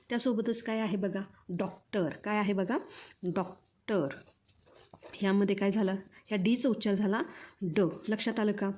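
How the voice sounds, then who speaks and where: A woman's voice: mid-range voice, darkish tone. Marathi-accented woman teacher, patient drill style, asks and repeats. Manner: repetitive question-and-answer teaching. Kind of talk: children's phonics lesson.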